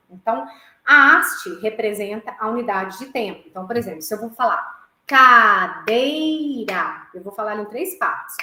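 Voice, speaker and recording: A woman's voice: on the high side, bright, forceful tone, echoey room. A woman music teacher with a Brazilian Portuguese accent, lecturing an online class, often checking in with "né" and "tá" and counting beats aloud.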